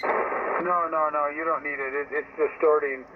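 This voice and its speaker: Over a tinny, static-filled narrowband radio transmission, an amateur radio operator holds forth in a casual, opinionated, rambling way. His voice is on the high side, with a steady tone and a normal speed.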